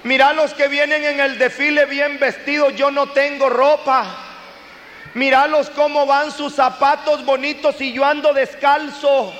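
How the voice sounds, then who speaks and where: A man plays a poor, barefoot beggar calling out to a passing king, his voice pushed high and strained above his usual preaching voice, whining and insistent. It sounds like a big hall with a long, ringing reverb and a faint hiss underneath. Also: flat delivery, a little slow, a bit bright. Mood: pleading. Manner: pleading, complaining.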